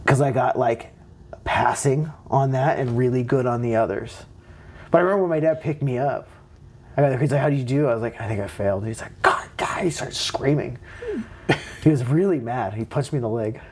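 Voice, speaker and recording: A man's voice: mid-range voice, brisk. A young man from California telling stories from his past in a casual interview, acting out what others said to him in raised voices. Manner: animated, acts out quotes in raised voices. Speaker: interview guest. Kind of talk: casual storytelling.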